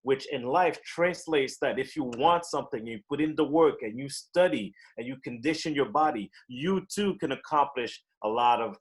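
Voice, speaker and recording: A man's voice: mid-range voice, normal speed, few pauses. A man giving a motivational impromptu speech at a club meeting, using rhetorical questions. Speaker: meeting participant answering a table topic.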